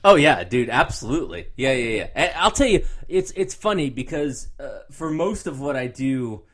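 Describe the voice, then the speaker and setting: A man's voice: medium pitch, big pitch swings, moderate pace, a bit bright. A man co-hosting a podcast, rambling and restarting his sentences in casual chat. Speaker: podcast co-host.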